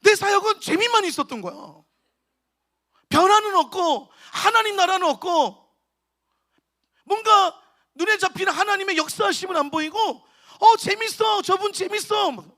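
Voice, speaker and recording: A male pastor, preaching a lively storytelling sermon to a youth camp and acting out the people he quotes. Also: extremely high pitch, normal speed, pauses often. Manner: storytelling, acts out quotes with shouts and laughs. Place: church hall at a camp.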